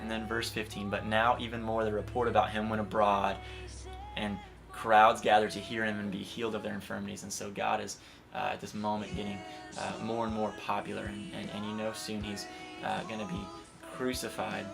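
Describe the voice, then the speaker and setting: A man's voice: fairly low pitch, completely flat delivery, fairly quick, gravelly. Earnest young male preacher over guitar. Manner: earnest, builds to impassioned emphasis then drops soft. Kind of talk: sermon. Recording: guitar music playing underneath.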